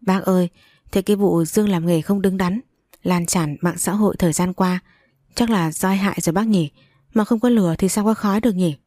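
A woman's voice: medium pitch, steady tone, brisk, mellow, no room sound, studio quality, lightly acted. A woman voicing a sly young woman friend in a storybook reading, speaking in an insinuating way.

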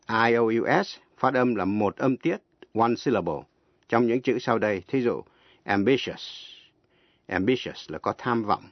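A man teaching an English lesson on the radio, speaking slowly and spelling words out letter by letter. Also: mid-range voice, no echo. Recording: dull lo-fi radio broadcast.

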